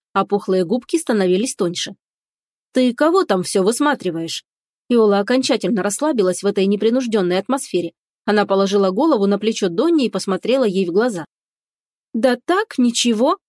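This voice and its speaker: A woman narrating a fantasy audiobook in a steady storytelling manner. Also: medium pitch, no echo, studio quality.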